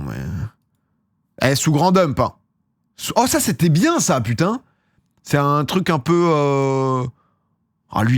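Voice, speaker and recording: A young man from France talks to his stream viewers in loose, rambling casual chat, full of slang and self-mocking laughs. His voice sits at an ordinary middle pitch. The sound is dry and close, with no room echo.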